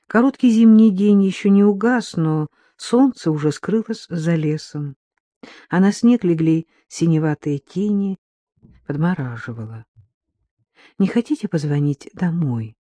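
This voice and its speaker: Audiobook narrator, dark mellow voice, super dry close sound, measured reading. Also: mid-range voice, expressive, no room sound.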